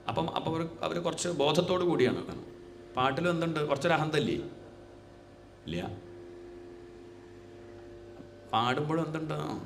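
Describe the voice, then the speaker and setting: A man's voice: mid-range voice, slight background noise. A middle-aged man giving a devotional scripture discourse, talking conversationally and putting rhetorical questions to his listeners. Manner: chants verses in a slow sing-song. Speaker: spiritual teacher.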